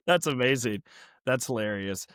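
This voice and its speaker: Male podcast host, mid-pitched, dry close mic, animated storyteller. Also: unhurried, no echo. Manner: animated storyteller, acts out quotes. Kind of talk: casual sports chat.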